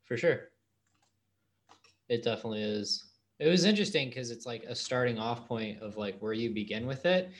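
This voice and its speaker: A man's voice: medium pitch, animated, normal speed. A man hosting a podcast in a casual interview chat, laid-back and slangy, laughing easily. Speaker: podcast host.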